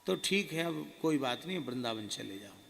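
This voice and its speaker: A man's voice: mid-range voice, big pitch swings, moderate pace, gravelly, a bit bright. A man preaching a sermon, voicing a revered old male guru who gives kindly but firm, reassuring commands. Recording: reverberant hall with faint noise.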